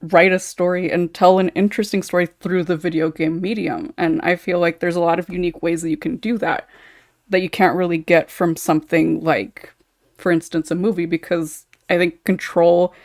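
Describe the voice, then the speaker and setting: A panelist chatting casually on a podcast call, relaxed and talkative. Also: mid-range voice, moderate pace, no echo, clean studio sound. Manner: relaxed, chatty, laughs between thoughts. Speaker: podcast panelist and ASMR writer.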